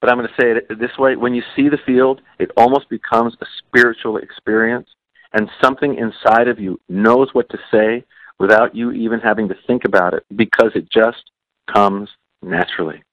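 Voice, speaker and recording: A man's voice: medium pitch, steady tone, normal speed, no echo, dull audio. A man co-hosting a podcast about coaching and parenting, talking earnestly and repeating key phrases for emphasis. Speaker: podcast co-host. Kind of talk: podcast conversation.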